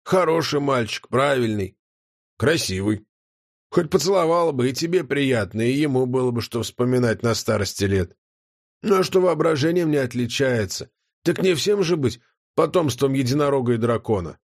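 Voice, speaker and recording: A drawling, sneering fat guardian spawned by chaos, as a man reading an audiobook puts him on. He teases with a lively, swooping pitch and a theatrical sneer, all smug amusement. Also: normal speed. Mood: mocking. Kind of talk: audiobook character voice.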